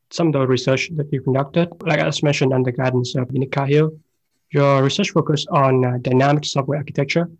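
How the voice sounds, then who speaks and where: A man's voice: mid-range voice, lo-fi sound. A man hosting a podcast interview, reading prepared introductions and questions with frequent hesitations. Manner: reads prepared questions with many "uh" pauses. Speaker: podcast host.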